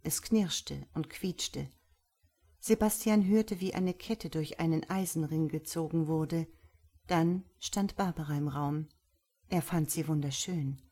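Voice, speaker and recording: Woman audiobook narrator, slightly low voice, measured storytelling. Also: dark tone.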